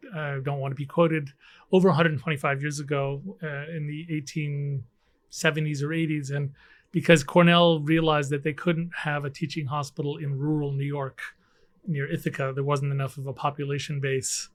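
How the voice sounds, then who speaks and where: A middle-aged man from Canada, a guest scientist talking casually in an interview, hesitant with many fillers and restarts, recorded in an office. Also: on the high side. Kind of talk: conversational interview. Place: office with air conditioning hum.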